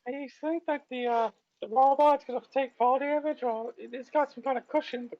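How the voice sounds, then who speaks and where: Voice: high voice, steady tone, normal speed, no room sound, dull audio. A player chatting casually and hesitantly during a tabletop game. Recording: noisy mic with clicking.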